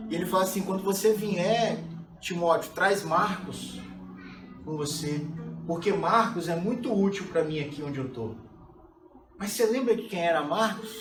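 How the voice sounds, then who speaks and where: A man in his forties from Brazil, a pastor preaching a sermon in a conversational way and often calling his listeners "cara". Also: high-pitched. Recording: roomy sound from a distance, music behind.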